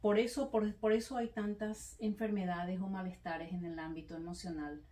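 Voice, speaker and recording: A woman evangelist calmly explaining ideas about anger and the self in a faith conversation, in a measured, teaching way. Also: medium pitch. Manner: measured, explanatory, with frequent affirming interjections. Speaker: evangelist and speaker. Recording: echoey room, voice from a distance.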